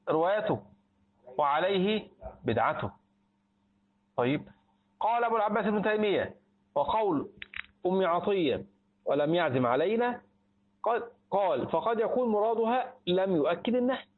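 A man with an Egyptian accent gives a religious lesson on a hadith text, often posing a question and answering it himself. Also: a little high. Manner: asks rhetorical questions and answers them himself. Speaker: Islamic teacher explaining a hadith text. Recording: tinny phone-like recording.

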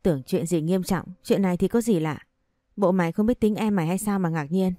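A woman reading the lines of a sharp-tongued older mother who scolds her daughter bluntly, in an audio story. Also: lowish voice, fairly quick, no room sound, clean studio sound, natural voice. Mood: scolding.

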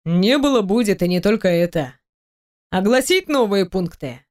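A woman voicing a teasing, domineering male boss in an audiobook, speaking low, slow and mocking. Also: animated, a little mellow, lightly acted.

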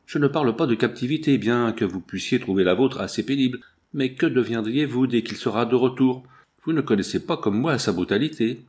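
A man reading the lines of a secretive, anxious woman, the wife of a bandit chief, in a low hushed voice. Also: brisk, close to an everyday voice.

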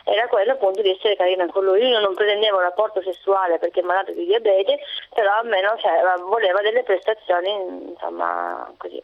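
A woman's voice: mid-range voice, lively intonation, a little fast. Sicilian woman caller on a tinny line. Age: 30s. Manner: hesitant, with many fillers and restarts. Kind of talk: recounting a personal story on a call-in show.

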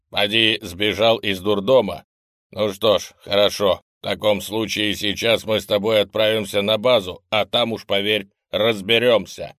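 A man doing a loud, gruff worker robot. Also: lowish voice, no room sound, studio quality. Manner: rude, loud, scolding.

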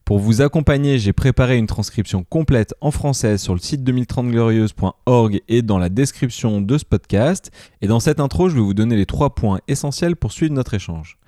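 A man with a French accent hosting a podcast, reading a lively intro and then asking questions in halting English. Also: mid-range voice, no echo, clean studio sound. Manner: enthusiastic, hesitant when speaking English. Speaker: podcast host. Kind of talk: scripted podcast intro and interview.

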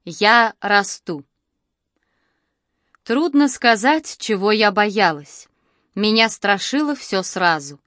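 A woman with a medium-pitched voice narrates a first-person novel as an audiobook, using a measured, expressive storytelling delivery. The studio recording is clean, with no room sound.

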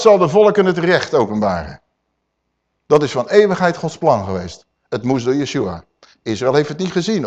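A man preaching a sermon, emphatic and swinging between loud and hushed, calling his listeners dear people. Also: on the high side.

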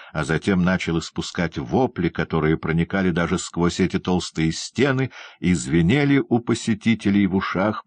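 A man's voice: deep voice, no echo. A man narrating a classic novel as an audiobook, reading evenly and with measure.

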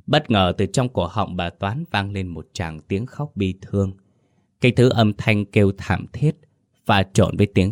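A man narrating a ghost story in a steady, measured storytelling voice. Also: sits low, dry recording, clean studio sound.

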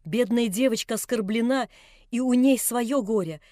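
A woman reading an audiobook, voicing an elderly man who speaks low and sorrowfully. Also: moderate pace, warm tone, no echo, clean studio sound, lightly acted. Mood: bitter. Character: grieving, weary old man, quiet and heavy.

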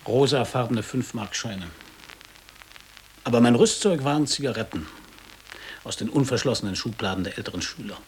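In a radio drama, a male actor with a voice on the low side plays a middle-aged former boarding school pupil. He reminisces bluntly in measured, literary phrases, with only light acting. A little hiss or hum is present in the recording.

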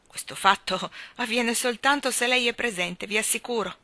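Eager, affectionate street-artist man, read by a woman; bright, close, dry voice. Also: a little high, moderate pace, no room sound, pitched above the performer's own voice. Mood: cheerful. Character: cheerful warm-hearted street artist man.

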